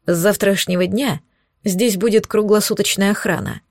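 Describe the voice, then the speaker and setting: A woman's voice: mid-range voice, steady tone, moderate pace, darkish tone, dry recording, clean studio sound, close to an everyday voice. A woman voicing a young man who speaks curtly and protectively to his beloved. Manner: curt, gruff. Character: young male lover, protective and curt.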